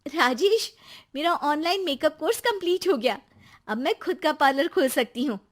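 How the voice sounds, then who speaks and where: A woman's voice: high voice, lively intonation, normal speed, pitched above the performer's own voice. A woman voicing an emotional young married woman who argues plaintively in a cartoon story. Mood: eager.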